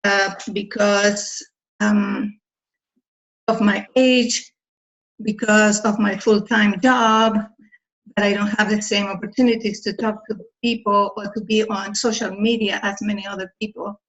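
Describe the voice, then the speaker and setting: An older woman on a group video call giving heartfelt testimony in an earnest, deliberate way, with hesitant fillers. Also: mid-range voice, level tone. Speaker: team member on a group call. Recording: dull, lo-fi video call audio.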